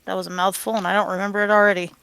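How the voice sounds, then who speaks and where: A woman's voice: medium pitch, level tone, very fast, vocal fry, fairly bright tone, clean tone, no echo. A woman playing a tabletop game, thoughtful and searching for words. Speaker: player. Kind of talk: casual chat at a game table.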